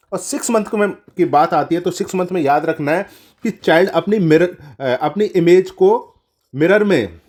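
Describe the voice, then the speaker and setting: A slightly mellow, fairly high-pitched male voice walks students through nursing exam questions, calling them children. He self-corrects mid-explanation, repeats the important answers, and blends English terminology into his Hindi.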